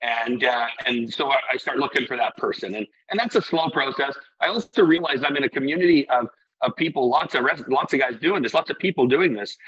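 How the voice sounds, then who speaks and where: A husky middle-aged man from Iceland who owns a brewery talks earnestly in a relaxed interview, rambling and restarting his sentences. The sound is dull and a little lo-fi. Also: medium pitch, brisk. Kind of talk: casual interview talk.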